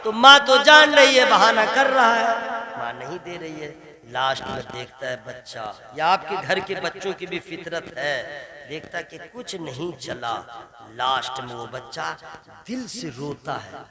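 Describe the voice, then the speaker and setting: A man's voice: fairly high pitch, expressive, unhurried. A man preaching a sermon to a gathering, telling a story and speaking directly to his listeners. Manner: storytelling, addressing the crowd directly. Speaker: Islamic preacher. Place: religious gathering before an audience. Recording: crowd audible behind.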